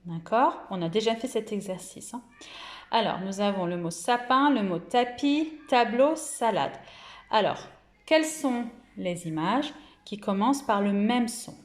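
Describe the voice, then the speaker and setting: With a medium-pitched voice and lively intonation, a French woman teaching kindergarten gives a recorded home-school lesson in a reverberant setting. She speaks slowly, enunciating carefully and lengthening each syllable.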